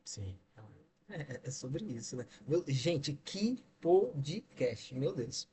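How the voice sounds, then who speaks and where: Slow, exclamatory man. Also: a little high, big pitch swings. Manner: exclamatory, gushing interjections. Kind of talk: casual chat. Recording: faint background noise.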